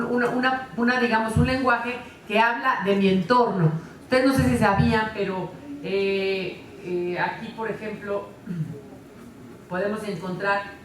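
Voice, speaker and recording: A woman lectures a conference audience in a lively, chatty way, checking in with quick tag questions. Her voice sits in a middling range. It carries from some distance off the mic in a roomy, echoing hall with faint background noise. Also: mid-range voice. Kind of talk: conference talk.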